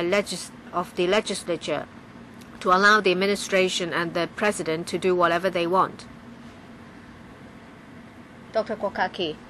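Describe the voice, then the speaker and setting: A woman giving live interpretation of a legislative debate, halting, with frequent pauses and restarts. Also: medium pitch, pushed and bright, a little hiss or hum, poor audio. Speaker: simultaneous interpreter.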